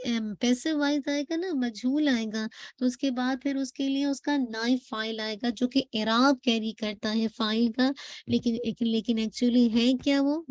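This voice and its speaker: A woman teaching an Arabic grammar class, explaining patiently, checking in with her students often and reciting verses slowly. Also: a little high, darkish tone, no echo. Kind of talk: classroom lesson.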